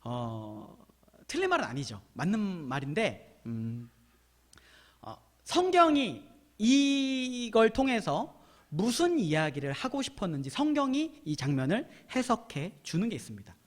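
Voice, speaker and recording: Man, youth pastor, energetic sermon, very high voice, lively swooping pitch. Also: a little slow. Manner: energetic, casual speech to teens, acting out quotes.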